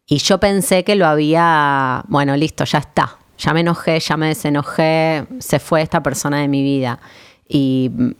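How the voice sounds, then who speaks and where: A woman's voice: low-pitched, moderate pace, clean tone. An Argentine woman in a casual chat, talking hesitantly with many restarts. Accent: Argentine Spanish.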